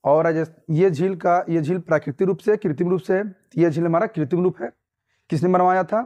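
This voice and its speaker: A man's voice: high voice, a little fast, a little mellow. A young man from Uttar Pradesh teaching an exam-prep lesson, repeating points and quizzing listeners with tag questions. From Uttar Pradesh, India.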